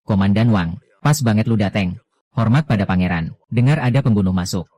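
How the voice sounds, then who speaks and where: A man narrating an anime recap in casual slang, reading every character's lines in one steady voice. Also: on the low side, brisk, no room sound.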